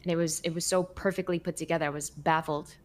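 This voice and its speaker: A woman's voice: low-pitched, steady tone, fast talker, darkish tone. A woman co-hosting a stream, reading viewer questions and asking curious follow-ups in casual chat.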